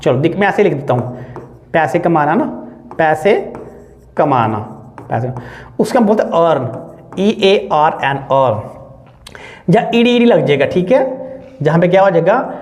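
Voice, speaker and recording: A man's voice: fairly high pitch, lively intonation, a little slow, pauses often, a little mellow. A man teaching English verbs in Hindi, asking the class to repeat verb forms again and again. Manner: drills verb forms with repeated call-and-response questions; mixes Hindi with English words. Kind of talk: online spoken-English lesson.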